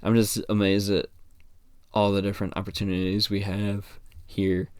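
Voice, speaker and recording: A man's voice: lowish voice, completely flat delivery, normal speed, darkish tone, smooth, no echo. A man from the United States hosting a podcast alone, chatting casually and rambling, with many fillers and restarts. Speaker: podcast host. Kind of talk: casual solo podcast chat.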